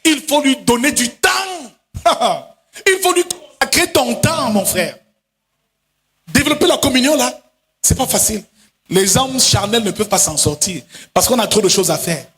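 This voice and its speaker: A male pastor preaching a sermon in a chanting, sing-song style, now and then breaking into shouted lines and quickly acting out other voices. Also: very high-pitched, sing-song. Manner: acts out voices in quick asides. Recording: long hall reverb.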